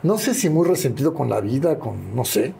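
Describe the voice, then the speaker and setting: Older mexican guy, gravelly and mellow, chatty storyteller in an interview, does little voices for people. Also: mid-range voice, moderate pace, a little hiss or hum. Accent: Mexican Spanish. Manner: lively anecdotal storyteller, acting out quoted voices. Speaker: interview guest, retired wrestler.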